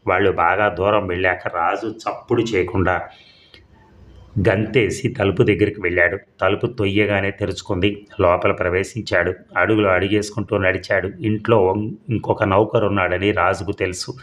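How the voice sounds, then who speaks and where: A man's voice: low voice, level tone, normal speed, a bit bright. A man narrating a suspense serial as an audiobook, reading steadily and briefly voicing the characters' lines.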